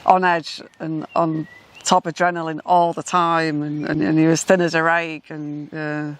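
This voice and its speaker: A middle-aged woman from Manchester, co-hosting a vlog in casual, measured chat. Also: deep voice, little pitch movement. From Manchester, England. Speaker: vlog co-host.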